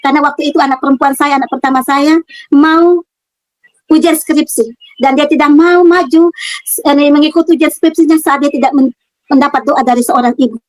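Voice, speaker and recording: A middle-aged woman giving a personal religious testimony in her own room, earnest and halting, repeating words and reaching for fillers. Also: high-pitched, fairly even intonation, a little mellow, no room sound, rough recording.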